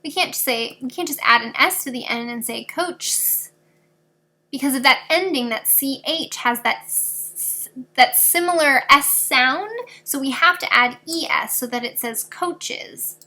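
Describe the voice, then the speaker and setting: A woman's voice: high-pitched, moderate pace, pushed and bright. A woman teaching a fourth grade class in a recorded video lesson, patiently explaining grammar rules step by step with examples.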